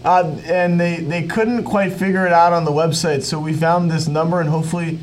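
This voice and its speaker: A man playing caretaker Barry, calm. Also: fairly high pitch, a little fast, lightly acted, low-quality recording.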